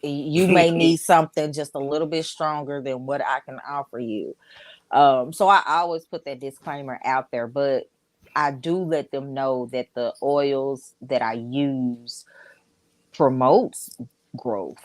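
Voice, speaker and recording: Speaking with an extremely low pitch, this Texas-accented woman from Dallas keeps a steady tone and measured pace. She's a business owner on a laid-back podcast interview, chatty and candid, using fillers as she tells stories, and the audio has no echo.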